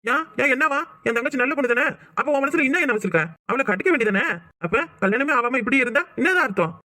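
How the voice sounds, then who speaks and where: Man as a quick, high-voiced, emotional young husband in a cartoon; dry, close recording. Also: animated, bright, forceful tone, dry recording, exaggerated voice. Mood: indignant. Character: hot-headed young village husband, remorseful. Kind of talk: cartoon voice acting.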